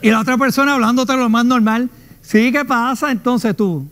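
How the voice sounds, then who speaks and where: Animated Puerto Rican man hosting comedy. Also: very high-pitched, normal speed. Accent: Puerto Rican Spanish. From Puerto Rico. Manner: animated storyteller, acts out voices with shrieks. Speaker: comedy show host. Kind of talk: comic storytelling monologue. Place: television studio.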